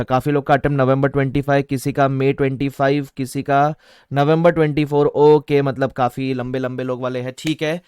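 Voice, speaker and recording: Energetic Mumbai man teaching live. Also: a little high, smooth, dry recording, studio quality. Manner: energetic, mixing Hindi and English; reads viewer chat aloud. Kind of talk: live-streamed online lecture.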